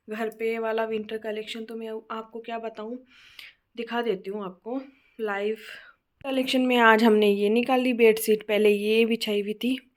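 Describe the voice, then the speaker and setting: A young woman vlogging casually at home, hoarse from a cold and laughing often as she chats. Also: fairly high pitch. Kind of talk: casual home vlog chat. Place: bedroom at home.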